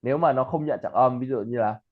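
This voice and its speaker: A man's voice: mid-range voice, quick pace. Man tutoring over a tinny line. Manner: chatty, explains and repeats example words. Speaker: English tutor. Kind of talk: casual chat and pronunciation lesson.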